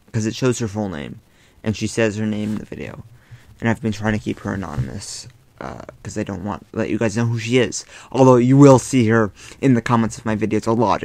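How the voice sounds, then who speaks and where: A man's voice: fairly low pitch, no echo. A man in his bedroom, talking casually and with exasperation in a rambling commentary vlog full of fillers. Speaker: YouTube commentator.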